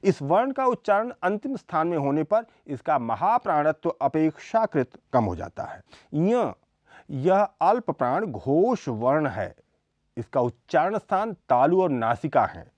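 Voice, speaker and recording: A man delivers a scripted lecture at an unhurried pace, his pitch rising and falling a great deal as he names each sound in turn. He sits fairly high for a man, and the close recording is dry with almost no room sound. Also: big pitch swings, darkish tone, no room sound, muffled recording. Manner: slow and deliberate, listing sounds one by one.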